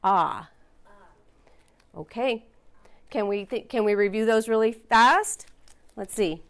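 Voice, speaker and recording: Slow, patient woman teaching phonics. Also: fairly high pitch. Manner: slow, patient, encouraging, sounds out letters. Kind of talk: phonics lesson for young learners.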